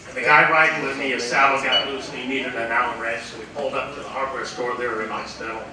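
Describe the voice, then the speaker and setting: A man's voice: mid-range voice, steady tone, fast, crowd noise. A man in his sixties giving a rambling acceptance speech at an awards dinner, full of uh fillers as he tells stories from his career. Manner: rambling storyteller, full of uh fillers, acts out quoted voices. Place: large banquet hall at an awards dinner. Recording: echoey hall, distant mic, room noise.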